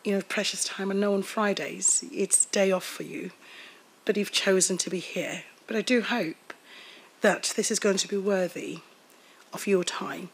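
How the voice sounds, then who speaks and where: A woman's voice: medium pitch, steady tone, a little slow, husky, low-quality recording. A woman from Africa, giving a workshop talk in a seminar room at a desk mic, thoughtful with frequent fillers and repeated words. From South Africa. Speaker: workshop presenter. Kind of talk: academic talk. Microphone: desk microphone.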